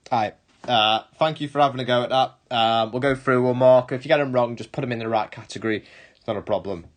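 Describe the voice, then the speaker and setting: A man's voice: mid-range voice, fast talker. A male history teacher giving a recorded online lesson, explaining step by step, rephrasing and correcting himself as he goes.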